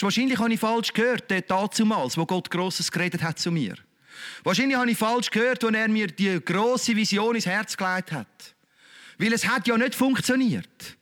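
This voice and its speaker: Man, Swiss accent, preacher, high voice, emphatic, repeats himself. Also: a bit bright. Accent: Swiss German. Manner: colloquial, emphatic, repetitive. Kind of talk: sermon.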